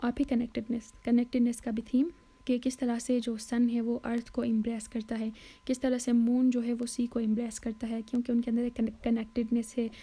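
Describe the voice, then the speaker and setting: A woman tutor explaining a poem in a mixed Hindi and English lesson, with hesitant fillers and self-corrections, reading quoted lines slowly. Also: on the high side, monotone, warm tone. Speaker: literature tutor.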